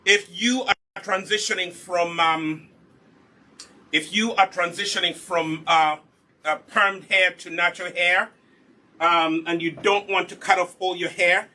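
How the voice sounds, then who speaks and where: This man from Uganda makes hair products and teaches hair care, here leading a live online lesson with patience and raising rhetorical questions that he promptly answers. His high, bright voice has a forceful edge, with fairly even intonation and a measured pace.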